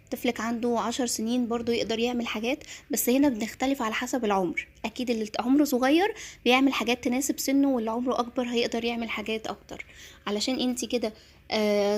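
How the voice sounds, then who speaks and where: An Egyptian woman gives earnest parenting advice straight to mothers at a quick clip. Her voice sits a bit high and has a husky, breathy edge. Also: a little mellow. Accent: Egyptian Arabic. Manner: earnest, advising, addresses mothers directly.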